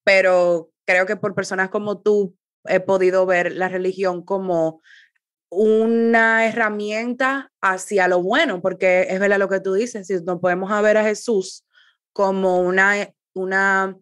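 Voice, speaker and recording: A woman from the Republic, interviewing a guest in a thoughtful, halting way. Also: mid-range voice, fairly even intonation, clean tone, no echo. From Dominican Republic. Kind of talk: interview conversation.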